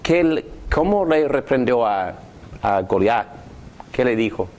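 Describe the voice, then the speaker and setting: Animated man teaching a slow Bible class. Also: mid-range voice, a little hiss or hum. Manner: animated, asks the class questions.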